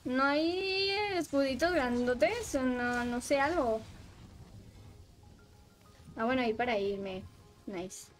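A high-pitched woman talks to her stream chat at an unhurried pace. She gets excitable while she plays, and soft music runs behind her voice. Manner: excitable, shrieks and laughs while playing, chats with viewers. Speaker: livestreaming gamer. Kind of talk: casual gaming livestream chat.

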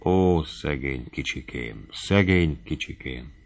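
A young gentleman suitor murmurs soft, coaxing pleas, as a male narrator reads him. The voice is low and deep, and he wheedles gently rather than pushing. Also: lively intonation, exaggerated voice. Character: young gentleman hunter, smooth-talking suitor.

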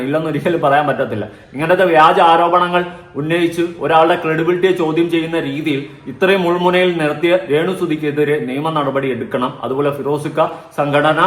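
A man's voice: fairly high pitch, roomy sound. A man giving indignant, insistent opinion commentary on his vlog, repeating his points. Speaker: vlogger commentator.

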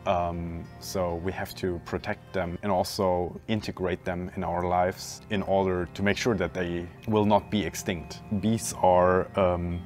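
A man in his twenties, an industrial designer, calmly explaining his project in a documentary interview with a few restarts. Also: low-pitched, a little slow, few pauses, soft background music. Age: 20s. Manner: calm, explanatory, some restarts. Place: indoor hallway by large windows.

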